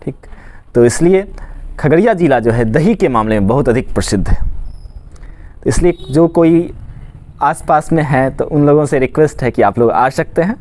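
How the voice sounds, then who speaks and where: A man's voice: fairly high pitch, lively intonation, normal speed, long pauses, darkish tone. A man from Bihar speaks as a maths teacher explaining a lesson step by step. His voice rises and falls a great deal. He keeps asking questions and answering them himself. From Khagaria, Bihar, India. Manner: asks questions and answers them himself, says "ठीक" often.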